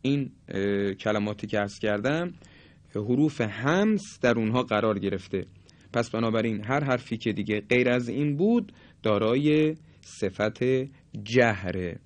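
Man, teacher, deliberate explanatory lesson, polite formal tone, demonstrates sounds aloud. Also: on the low side, expressive. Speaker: Quran recitation teacher. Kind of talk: explanatory lesson on letter articulation.

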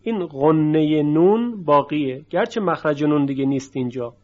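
A man with a somewhat high voice gives a tajwid lesson. He explains patiently and stretches out example words to show each sound clearly. The recording is dull and lo-fi. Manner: explanatory, drawn-out demonstration of sounds. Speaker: Quran recitation teacher.

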